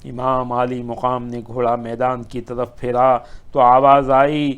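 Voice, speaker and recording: Smooth-voiced man preaching a dramatic sermon. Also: mid-range voice, completely flat delivery, dull audio. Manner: dramatic, rhythmic storytelling. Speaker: Sufi preacher. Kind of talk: Muharram sermon narration.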